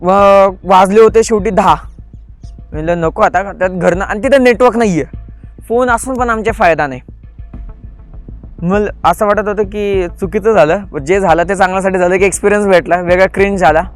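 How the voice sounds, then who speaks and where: Man, from around Pune, high voice, podcast guest, vivid storyteller, acts out the dialogue. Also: normal speed, soft background music. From Pune area, India. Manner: vivid retelling, acting out quoted dialogue. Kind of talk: storytelling in an interview.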